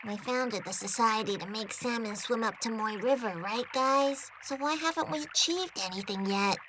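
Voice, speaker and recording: A woman's voice: fairly high pitch, normal speed, noisy background, lightly acted. A woman voicing a bossy, earnest schoolchild who leads the gang in an overacted anime dub, with emphatic delivery. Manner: emphatic, take-charge delivery. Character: bossy, earnest schoolchild leading a group of friends.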